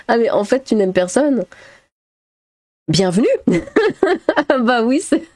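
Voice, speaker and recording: A woman's voice: mid-range voice, darkish tone, no room sound, studio quality. A woman YouTuber reading viewer comments aloud in casual chat, laughing often and swearing in chatty asides.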